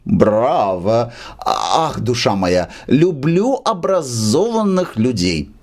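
A man voicing a tearful, rambling drunk male musician who lodges in a rented room, with slow, slurred, sentimental speech. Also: mid-range voice, big pitch swings, darkish tone, pitched above the performer's own voice, full character voice. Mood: maudlin.

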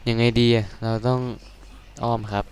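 A young man giving casual, excitable game commentary, swearing crudely and yelping at scares. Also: medium pitch, moderate pace, a little hiss or hum. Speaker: gaming streamer.

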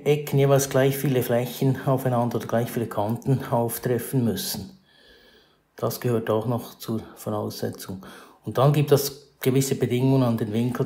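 In a geometry screencast with a clear room echo, a math teacher talks the lesson through in a relaxed, mellow mid-range voice. He uses fillers and corrects himself as he goes.

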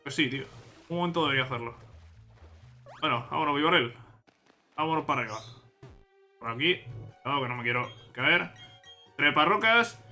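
A man with an accent from Spain gives relaxed let's-play commentary, muttering to himself and his viewers, then breaking out in excited shouts. His voice is fairly high and very bright and cutting, with faint music underneath. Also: a little fast, long pauses. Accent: Spain Spanish. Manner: chatty, talks to himself and viewers while playing, bursts of excitement. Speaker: gaming channel host.

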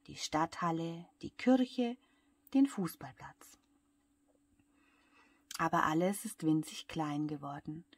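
A woman with a German accent reading a bedtime story to young children in a soft voice that often drops to a whisper. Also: low voice, husky, no echo. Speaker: childcare worker reading aloud.

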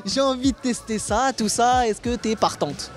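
A man's voice: extremely high pitch, normal speed, soft background music. A young man interviewing people on a city street with a handheld mic, teasing and laughing as he presses with follow-up questions. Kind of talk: street vox pop, casual. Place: busy city street outdoors.

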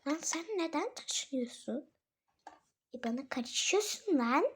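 A woman's voice: high-pitched, measured pace, noisy background. A woman voicing a flustered, scatterbrained mother who shops with her daughter during toy play, exclaiming, scolding and mocking herself. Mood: exasperated.

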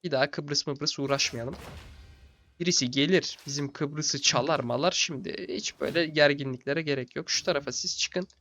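A young man giving casual, low-key commentary on a strategy game late at night, sounding tired and chatting to the game's characters like buddies. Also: normal speed, fairly bright tone. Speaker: gaming channel host.

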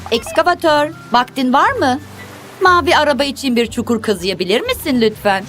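Over music, a woman narrates a children's cartoon in a high, animated, fairly bright voice at a brisk pace. She speaks expressively in simple, instructive phrases, as if addressing young viewers and the characters.

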